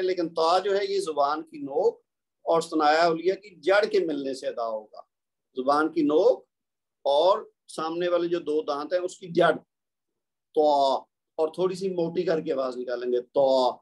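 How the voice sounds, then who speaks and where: A man with a Pakistani Urdu accent gives a patient tajweed lesson, his voice sitting a little high. He explains each point calmly and draws out letter sounds slowly so students can copy them. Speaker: Quran recitation teacher.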